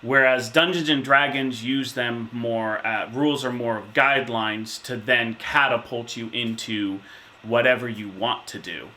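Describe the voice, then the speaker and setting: A man in his thirties answering interview questions, telling a memory in a relaxed, reflective way with many fillers. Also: mid-range voice, unhurried. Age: 30s. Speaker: interviewee, insurance manager.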